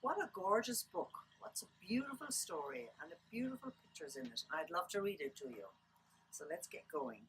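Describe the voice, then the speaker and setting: A woman's voice: on the low side, expressive, fairly bright tone, slight background noise, rough recording. An Irish woman telling stories to children in a lilting, dramatic read-aloud manner, drawing out words for effect. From Ireland. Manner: lilting, dramatic storytelling delivery with drawn-out words. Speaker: storyteller.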